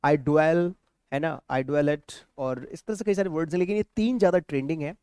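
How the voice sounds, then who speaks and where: A man's voice: a little high, normal speed, a little mellow, clear, resonant tone, no echo, clean studio sound. A man with an Indian accent teaching a live spoken English lesson, switching between Hindi and English, repeating example phrases and reading out viewers' comments.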